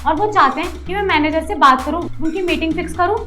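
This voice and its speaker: A woman's voice: extremely high pitch, fast, pushed and bright, faint music behind. A woman playing a rude, haughty office manager in a short skit, talking down and scolding. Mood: scornful. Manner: scolding, bossy, condescending.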